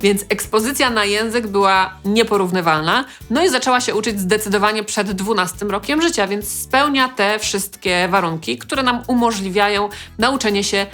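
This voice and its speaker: Female language teacher, clear explanatory delivery, light humor, faint music underneath. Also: medium pitch, moderate pace, few pauses, a bit bright. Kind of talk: educational vlog.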